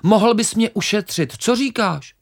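A reader voicing a small, patient, wise grain of wheat in a children's story, talking calmly and reasoning gently. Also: mid-range voice, vocal fry, voice pushed up. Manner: calm, reasoning, gently coaxing.

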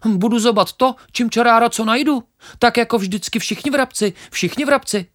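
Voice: medium pitch, a bit bright, voice pushed up, natural voice. A reader voicing a small, boastful male sparrow in a children's story, who chirps a nonsense refrain and repeats himself. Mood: chirpy.

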